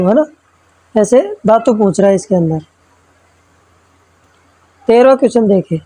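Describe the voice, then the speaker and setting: A woman's voice: on the high side, dark tone, no room sound, poor audio. A woman teacher going through exam practice questions. She reads each question, then explains the answer step by step and keeps checking in with the listener. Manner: checks in with frequent tag questions. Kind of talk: exam-prep lesson.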